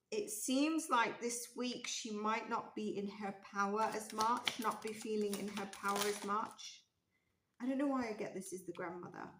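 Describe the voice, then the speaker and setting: A woman with a mid-range, fairly bright voice gives a casual tarot reading, musing aloud with lots of ums and restarts. She's losing her voice, so it sounds a little strained, and there's slight hiss or hum. Seated indoors at a table with a candle and cards, she's filmed from overhead showing only her hands, and the room echoes.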